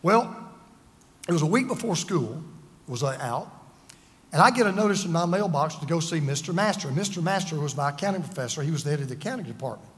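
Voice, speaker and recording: His voice leans high and expressive, and he talks at a quick pace. A pastor over fifty, he delivers an emphatic, earnest sermon built on personal stories and self-deprecating humor, recorded in a large, reverberant hall.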